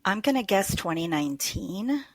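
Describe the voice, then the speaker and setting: A woman's voice: mid-range voice, expressive, moderate pace, no room sound. A woman from Argentina, telling her story as a podcast guest in a chatty way, with frequent ums and restarts. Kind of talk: casual interview storytelling.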